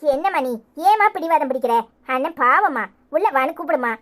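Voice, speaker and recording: Bossy cartoon housewife with a Tirunelveli accent, voiced by a woman, shrill and quick-fire. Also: expressive, fairly bright tone. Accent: Tirunelveli Tamil. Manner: brisk, bossy, chiding. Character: bossy brisk village housewife, in-law. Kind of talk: cartoon voice acting.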